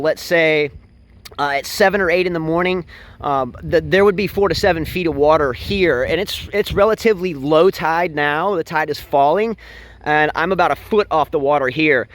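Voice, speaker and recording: High-voiced man giving a storm update. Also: fairly bright tone. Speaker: storm-tracking vlogger. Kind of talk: casual live weather update, explaining to viewers. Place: out and about on a coastal island, partly in a vehicle, then at his house.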